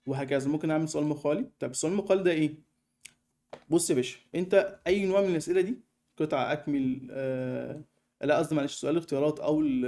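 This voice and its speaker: A young man with an Egyptian Arabic accent walking through a screen-recorded software tutorial in a fast, chatty way, with many fillers. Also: fairly high pitch. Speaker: online course tutor.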